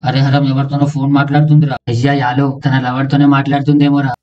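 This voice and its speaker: A man's voice: mid-range voice, little pitch movement, rapid-fire. A man voicing rowdy young village friends in a cartoon comedy, teasing each other with crude banter. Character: bickering young village friends and bus folk. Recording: muffled, dull, noisy sound.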